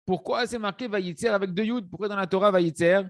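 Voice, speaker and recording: A man a rather high voice teaches a religious text, checking in his listeners as he goes. He restarts phrases often and mixes in words. The recording is close and dry. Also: a little fast, dry recording. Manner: hesitant restarts, frequent "hein" and "d'accord" checks. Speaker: Torah teacher. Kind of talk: religious lesson explaining a text.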